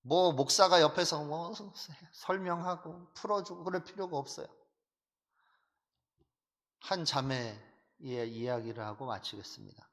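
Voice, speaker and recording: A male pastor preaching an animated sermon, full of rhetorical questions and emphatic repetition. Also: fairly high pitch, measured pace, long pauses. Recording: long hall reverb.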